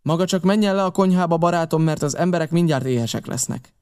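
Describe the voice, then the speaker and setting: A man's voice: medium pitch, natural voice. A man reading an audiobook, voicing a stern, curt ship captain who barks orders at his crew. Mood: commanding. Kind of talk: audiobook character voice.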